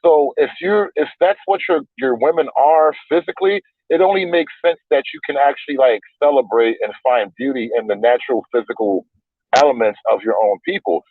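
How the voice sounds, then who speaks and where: A man calls in over a crackly, tinny phone line that keeps cutting out. He argues his point at length and repeats words as he works it out. His voice sits at a middling pitch, and the line is dry and close. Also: brisk, no room sound. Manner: argumentative, explains at length, repeats words while thinking. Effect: crackly phone line that fades in and out. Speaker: call-in panel guest. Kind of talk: casual debate on a call-in show.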